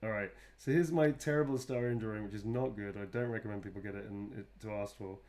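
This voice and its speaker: A man's voice: on the low side, fast, a little mellow. Male, casual chatty read, self-deprecating and easily amused, talking while he draws. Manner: chatty and self-mocking, laughs often. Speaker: voice actor signing fan requests. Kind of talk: casual stream chat while drawing.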